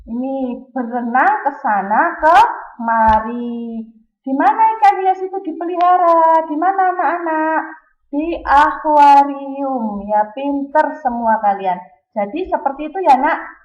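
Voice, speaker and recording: High-voiced teacher woman, echoey room. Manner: patient, addresses pupils directly, asks then answers questions. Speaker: primary school teacher. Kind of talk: recorded classroom lesson. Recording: echoey room, slightly dull sound.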